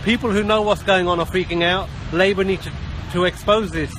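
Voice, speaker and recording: A British doctor and campaigner speaking emphatically in a street interview outdoors. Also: male voice, high voice, fairly even intonation, a little fast, a bit bright, rough recording. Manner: emphatic, urgent. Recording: street traffic noise behind.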